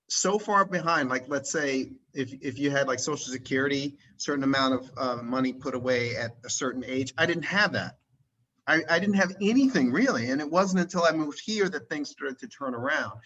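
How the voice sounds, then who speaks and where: Bright-voiced man hosting a rambling interview. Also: a little high, normal speed, low-quality recording. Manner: rambling, many restarts and tag questions. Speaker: interviewer and channel host. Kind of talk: casual conversational interview. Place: at home in Switzerland, recorded over a video call.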